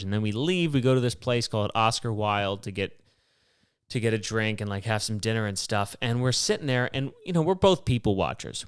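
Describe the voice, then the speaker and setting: A man's voice: on the low side, clear, resonant tone, no room sound, studio quality. A man hosting his own podcast, telling a rambling, wry story with plenty of swearing. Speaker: podcast host. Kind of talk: casual solo storytelling.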